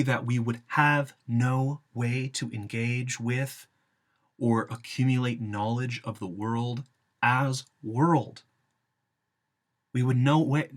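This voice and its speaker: A man giving an academic philosophy lecture in deliberate, emphatic phrases broken into short segments. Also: mid-range voice.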